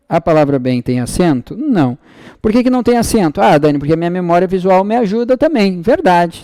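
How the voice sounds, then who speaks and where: A man's voice: fairly high pitch, warm tone, no echo, clean studio sound. A man teaching an online exam-prep lesson. He explains step by step, checks in often with tag questions and acts out students' questions.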